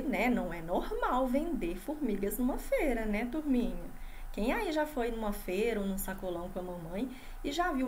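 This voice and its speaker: A woman's voice: mid-range voice, a little mellow, a little hiss or hum. A Brazilian woman teaching first graders in a video lesson, stretching out syllables and often checking in with the class. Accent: Brazilian Portuguese. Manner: sing-song, drawn-out syllables for children; constant checking questions to the class. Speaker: primary school teacher. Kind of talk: video lesson for young children.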